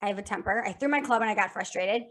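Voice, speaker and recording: A woman guest on a podcast, talking about sales in a casual, energetic way, repeating phrases in lists and often restarting. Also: mid-range voice, very fast.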